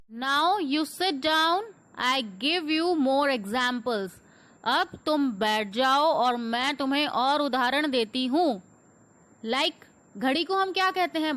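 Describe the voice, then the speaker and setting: High-voiced woman drilling slow pronunciation. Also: fairly bright tone. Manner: slow, deliberate drilling of words, switching between Hindi and English. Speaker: English teacher. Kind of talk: comic classroom sketch.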